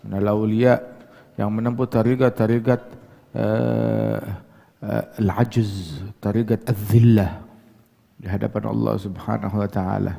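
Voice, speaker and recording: Male preacher with a gravelly voice. Delivers a religious lecture with emphatic bursts and slow chanted Arabic. Echoey hall, faint music behind. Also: fairly low pitch, level tone. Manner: switches between quiet talk and sudden emphatic outbursts.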